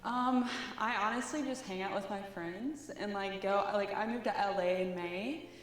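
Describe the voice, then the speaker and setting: A woman's voice: medium pitch, moderate pace, a little hiss or hum. Woman, early 20s, casual rambling answers, echoey room. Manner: casual, lots of fillers. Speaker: interviewee.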